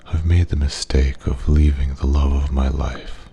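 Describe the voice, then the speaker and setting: A man playing a wise, regretful old man at a pub, a soft-spoken old sage giving slow, gentle advice in an ASMR ASMR role-play. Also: rumbling low, level tone, vocal fry, husky, exaggerated voice. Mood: wistful, regretful. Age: older.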